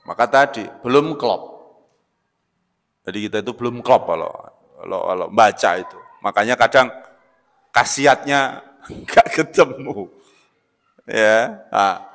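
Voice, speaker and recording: Male preacher, bright forceful tone, high-ish pitch, animated loud-soft delivery, long hall reverb. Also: unhurried, long pauses. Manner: animated, swings between loud emphatic bursts and quiet asides; keeps addressing listeners as "Pak". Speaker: Islamic preacher. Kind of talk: lecture-style religious sermon.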